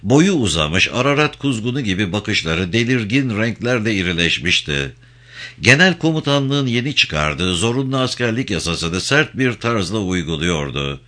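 A man's voice: on the low side, sing-song, moderate pace, pushed and bright. A man narrating a novel in a dramatic storytelling manner. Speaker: audiobook narrator.

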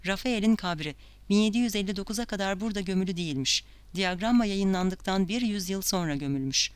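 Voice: medium pitch, quick pace, clear, resonant tone, no room sound, lightly acted. A reader doing a tense, urgent young woman. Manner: tense, insistent.

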